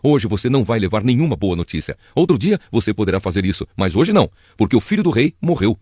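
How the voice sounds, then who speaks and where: A man's voice: lowish voice, big pitch swings, fast talker, darkish tone, slightly rough, no echo. A man voicing Joab, a stern army commander. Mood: curt. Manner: blunt, scolding. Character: stern battle-hardened army commander, blunt.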